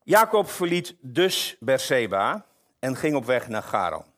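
Preacher reading and explaining scripture. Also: male voice, medium pitch, unhurried. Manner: lively, explanatory, asides to congregation. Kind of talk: sermon with Bible reading.

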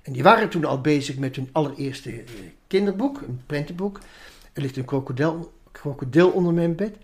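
A woman illustrator speaking reflectively in an interview, often trailing into softer tones. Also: sits low, expressive, normal speed. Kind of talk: interview conversation.

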